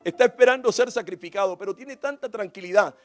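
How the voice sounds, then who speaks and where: A man's voice: high voice, quick pace, no echo. A man preaching a sermon as pastor, telling a personal story with rising, impassioned emphasis. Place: church.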